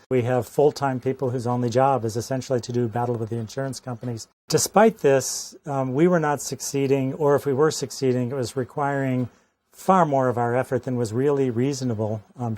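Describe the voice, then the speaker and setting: An American man speaks as a physician giving a testimonial. He is earnest and articulate, with measured phrasing and a mid-pitched voice recorded dry and close. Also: a little mellow, dry recording. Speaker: pediatric oncologist. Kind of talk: personal testimonial.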